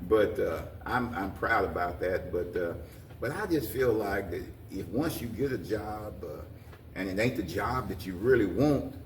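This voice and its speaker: With a lowish, animated voice and an unhurried pace, an older American man answers interview questions. He is the president of a community organization, and he urges people on in folksy, plain words, repeating himself often. The audio is roomy and distant, with faint noise.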